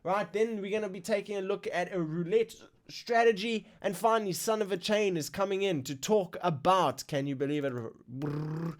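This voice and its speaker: A man hosting a live crypto news stream, reading market figures in a casual, excitable way while fighting the hiccups. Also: high-pitched, moderate pace. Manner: excitable, exclaims over numbers.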